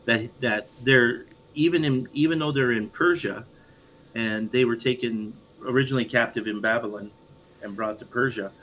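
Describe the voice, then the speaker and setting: A man explaining a Bible story in casual discussion, thoughtful and halting with frequent restarts. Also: mid-range voice, fairly bright tone, rough recording. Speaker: podcast co-host and Bible teacher.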